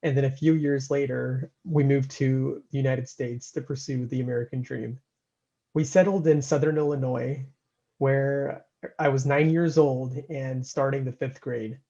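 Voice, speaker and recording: Gravelly young man, dull lo-fi sound. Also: medium pitch, fairly even intonation, unhurried, dark tone. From India. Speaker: interviewee. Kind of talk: personal introduction.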